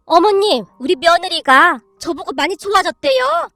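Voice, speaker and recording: A woman's voice: extremely high pitch, sing-song, normal speed, vocal fry, pushed and bright, no echo, heavily acted. A woman voicing a meek middle-aged mother-in-law, eager and trying hard to sound tough.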